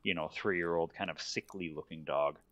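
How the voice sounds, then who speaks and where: A man who is a vegan guest, calmly explaining his views in a casual debate. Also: sits low, moderate pace, no room sound.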